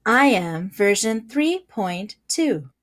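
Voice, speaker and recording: A woman's voice: mid-range voice, takes it slowly, slight background noise. A woman voicing a formal, literal robot paladin in a tabletop game, talking in clipped voice-assistant tones. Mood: robotic. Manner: flat, clipped voice-assistant delivery. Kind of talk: online tabletop role-play.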